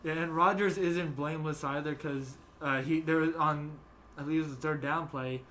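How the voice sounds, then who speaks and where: A man's voice: fairly high pitch, steady tone, normal speed, sharp tone, a little hiss or hum. A young man hosting a casual sports chat, rambling with many fillers and restarts. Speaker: podcast host.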